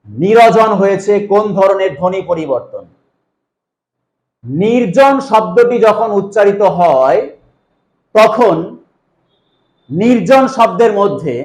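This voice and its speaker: A male teacher giving an exam-prep grammar lesson, asking questions and then answering them himself in a drawn-out explaining way. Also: high-pitched, echoey room, rough recording.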